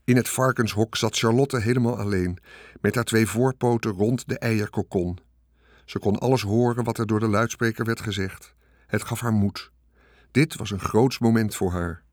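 A man narrating a children's book in a calm, measured storytelling voice. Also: on the low side, no room sound, clean studio sound. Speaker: audiobook narrator. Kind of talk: scripted narration.

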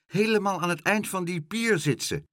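A man voicing a frantic male seagull with a wooden leg, shouting shrilly in a children's story. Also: fairly high pitch, sing-song, slow pace, slightly rough, no echo, clean studio sound, voice pushed up, full character voice. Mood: urgent. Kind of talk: storybook reading.

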